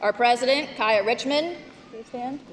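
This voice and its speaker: A woman's voice: fairly high pitch, normal speed. A woman class advisor giving a ceremony speech, thanking the class officers and reading out their names. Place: large school gymnasium. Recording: echoey gym from far off, loud crowd. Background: crowd noise.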